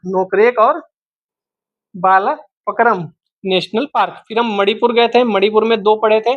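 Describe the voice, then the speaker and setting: Quizzing the listener throughout, a man repeats each name several times in an exam-prep geography lesson. He speaks with a high, fairly bright voice, and the home recording is lo-fi, dull, and dry with no echo.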